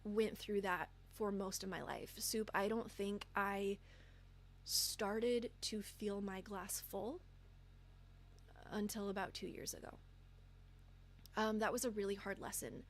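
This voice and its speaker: Woman streamer, average pitch, sincere heart-to-heart with her chat, filler-heavy. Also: fairly even intonation, slow, pauses often. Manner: earnest and open, with many ums. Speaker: livestreamer. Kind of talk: candid advice talk to live chat.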